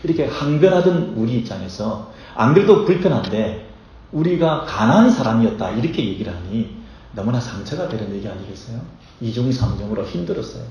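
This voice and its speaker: A man's voice: mid-range voice, sing-song, fairly quick, mellow, a little hiss or hum. A male pastor preaching a sermon in a church, speaking with impassioned, rhetorical energy and voicing his listeners' objections in the first person. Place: church sanctuary. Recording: very echoey hall, dull muffled sound.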